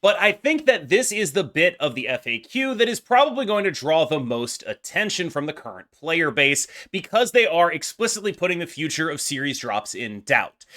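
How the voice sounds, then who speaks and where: Male gaming commentator, high-pitched and very lively, talking off the cuff with emphatic, winding arguments. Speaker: game content creator. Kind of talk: unscripted opinion commentary.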